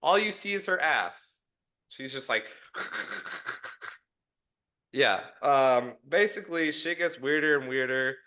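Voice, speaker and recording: A man's voice: medium pitch, animated, takes it slowly, pauses often, pushed and bright. A young man co-hosting a casual podcast, retelling a story in a loose, rambling way. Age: young adult. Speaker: podcast co-host. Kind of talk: casual chat.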